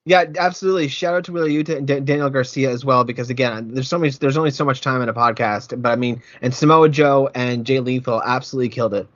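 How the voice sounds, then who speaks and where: A man's voice: mid-range voice, fast, hardly any pauses, a bit bright, no echo, lo-fi sound. A man hosting a casual wrestling podcast, rambling, repeating his words and getting heated. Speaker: podcast host.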